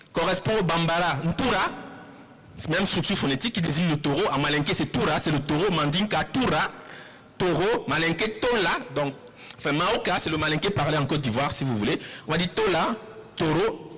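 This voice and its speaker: A man giving a public lecture, explaining step by step, repeating words slowly and putting questions to the audience. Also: on the high side, a bit bright, husky, poor audio. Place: lecture hall.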